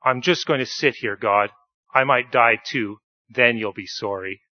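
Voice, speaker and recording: A man's voice: medium pitch, measured pace, no room sound, lo-fi sound, close to an everyday voice. A man doing a whiny grumbling prophet. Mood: sulking. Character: grumpy complaining male prophet.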